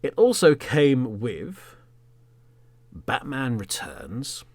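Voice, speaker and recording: Here an English podcast host in his thirties performs a third-person story as a monologue, dramatic and emphatic, his phrases trailing off quietly. The pitch is medium and sing-song, the pace very slow, with vocal fry and no echo.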